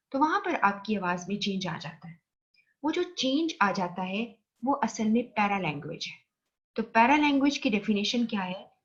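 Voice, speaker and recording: A woman's voice: a little high, lo-fi sound. Woman lecturer with a Pakistani Urdu accent. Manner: explains slowly, mixing English terms into Urdu. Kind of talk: recorded classroom lecture.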